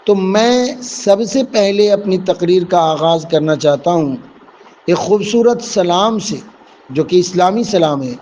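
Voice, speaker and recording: A man's voice: sits high, a little mellow, slight background noise, poor audio. A man teaching a vocabulary lesson, explaining English words one by one with Urdu and Hindi meanings and calling his listeners dear students.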